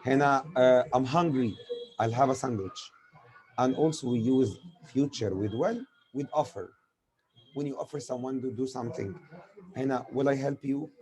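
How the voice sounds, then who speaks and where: The recording quality is poor, capturing a mid-range, slightly mellow male voice. An Egyptian-accented teacher whose native tongue is Arabic, he explains grammar with examples, asking questions and then answering them himself.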